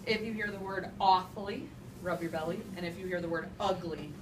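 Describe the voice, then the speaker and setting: Speaking fairly quickly with fairly even intonation, this lower-voiced woman teacher reads to young children and tells them what to do, repeating simple phrases and emphasizing important words. A far-off microphone captures an echoey, noisy classroom full of children's chatter and room noise.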